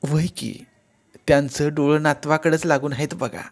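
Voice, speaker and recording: A man voicing a shy young village wife with a rural Marathi accent, speaking softly. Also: fairly high pitch, steady tone, moderate pace, pitched above the performer's own voice.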